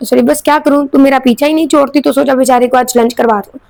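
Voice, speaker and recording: A woman's voice: high-pitched, fairly even intonation, creaky, darkish tone, no echo. A woman narrator voicing a young man who teases his girlfriend and answers his father offhandedly in an audio novel. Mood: teasing. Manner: teasing and offhand.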